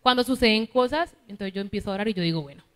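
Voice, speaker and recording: A woman's voice: mid-range voice, rapid-fire, a bit bright, big-room sound. A woman with a Colombian accent from Cali preaching a sermon, teaching and often asking her listeners for agreement. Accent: Colombian Spanish, Cali. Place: church hall.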